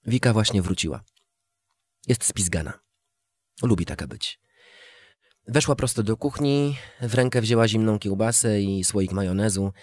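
A man's voice: fairly low pitch, normal speed, pauses often, a little mellow, dry recording, studio quality. A man narrating a first-person story in a plain, matter-of-fact way.

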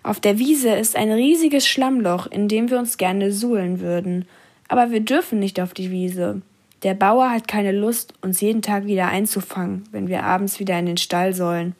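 Lady reading as a bunch of grumbling pigs, complaining, gravelly voice. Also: medium pitch, normal speed, a little mellow, close to an everyday voice. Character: group of grumbling pigs wanting the mud.

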